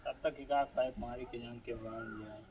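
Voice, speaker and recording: A man's voice: mid-range voice, fairly even intonation, moderate pace, phone-quality sound, lightly acted. A man playing a rustic town drunk with an eastern UP-Bihar Bhojpuri-region accent, rambling and repeating himself in an amateur village comedy skit. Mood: lonely, rambling. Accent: eastern Uttar Pradesh or Bihar (Bhojpuri region). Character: rustic male town drunk, rambling and grumbling over his liquor. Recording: very noisy amateur recording with clicks.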